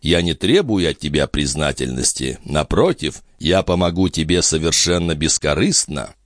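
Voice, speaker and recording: A man's voice: a bass voice, expressive, moderate pace, no room sound, studio quality. A man doing a wry old duke. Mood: condescending. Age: older. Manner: ironic, condescending. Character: old sardonic male duke, worldly and teasing.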